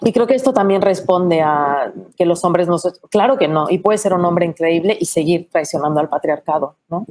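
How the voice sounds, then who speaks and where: A woman's voice: lowish voice, moderate pace, hardly any pauses, a little mellow. A woman on a webinar panel, speaking reflectively and often ending her points with a tag question.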